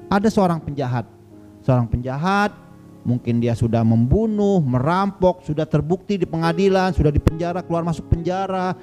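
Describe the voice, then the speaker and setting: A man's voice: high-pitched, mellow. A man preaching a sermon emphatically, repeating his phrases and addressing the listeners directly. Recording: online church service with faint music behind.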